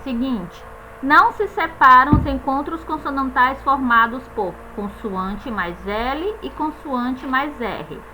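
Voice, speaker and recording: A woman teaching a grammar lesson, saying each example word slowly and spelling out letters, often ending with a questioning tag. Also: high voice, sharp tone, a little hiss or hum, low-quality recording.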